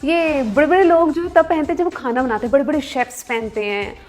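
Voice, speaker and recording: A woman's voice: high-pitched, brisk, darkish tone, soft background music. A young woman with an Indian accent giving a casual spoken lesson on English pronunciation. She spells words out letter by letter and teases her listeners with joking asides.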